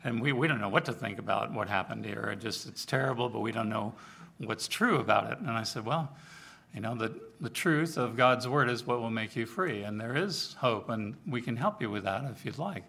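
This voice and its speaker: This preacher, who is also the overseer of church outreach, speaks at a moderate pace in a mid-range, gravelly voice. His sermon to the congregation is informal and chatty, full of lively personal anecdotes where he performs each character's lines.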